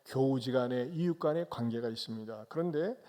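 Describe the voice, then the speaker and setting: A man's voice: medium pitch, brisk, dark tone. A male pastor delivering a Sunday sermon in church, with dramatic storytelling and rhetorical questions to the congregation.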